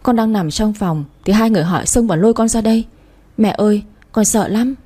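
A woman's voice: medium pitch, a little fast, dark tone, close to an everyday voice. A woman voicing a scheming young woman who plays a sweet, frightened younger sister, whining and pleading. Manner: whiny, pleading, syrupy.

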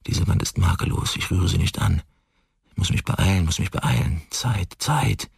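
A man's voice: deep voice, normal speed, vocal fry, husky, no echo, studio quality, exaggerated voice. A man in a radio drama voicing a frightened, obsessive man who whispers and then insists defiantly. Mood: tense defiant. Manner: hushed whispers turning defiant.

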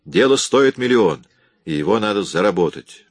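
A man's voice: deep voice, animated, normal speed, breathy edge, no room sound, studio quality. A man reading a curt, impatient burglar. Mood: determined. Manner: curt, pressing questions. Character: hard, impatient young male burglar. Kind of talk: audiobook reading.

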